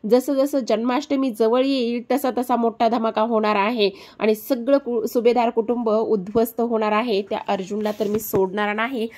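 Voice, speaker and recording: A woman's voice: on the high side, flat delivery, moderate pace, hardly any pauses, a little mellow, natural voice. A woman voicing a scheming male villain who gloats over his plans. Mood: gloating. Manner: gloating, menacing.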